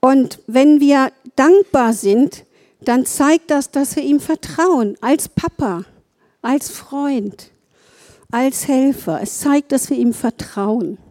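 A woman's voice: sits high, takes it slowly, darkish tone. A middle-aged woman preaching a sermon in an earnest way, repeating phrases and tagging her sentences with "ja".

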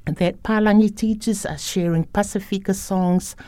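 A woman speaking as an education facilitator in a reflective interview, in a measured, deliberate manner. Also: mid-range voice, fairly even intonation, dark tone, no echo.

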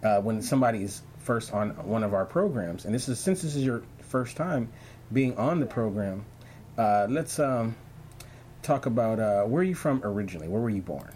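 A man's voice: fairly low pitch, moderate pace, a little hiss or hum. A man hosting an online talk show, chatting casually with lots of fillers and restarts. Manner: relaxed, rambling with many fillers. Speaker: podcast host. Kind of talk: casual interview chat.

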